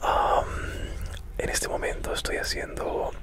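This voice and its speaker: Young man in a slow ASMR whisper. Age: 20s. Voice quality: breathy, unvoiced whisper. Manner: slow, repeats words softly. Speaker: ASMR video creator. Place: inside a parked car. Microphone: handheld mic with fluffy windscreen, held close to mouth.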